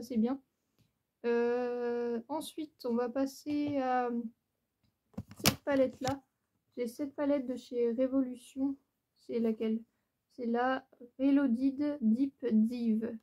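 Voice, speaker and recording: A woman's voice: fairly high pitch, warm tone. A woman chatting casually as a YouTuber, hesitant and apologetic, with many fillers and restarts. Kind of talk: casual chat. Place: bedroom at home by a window.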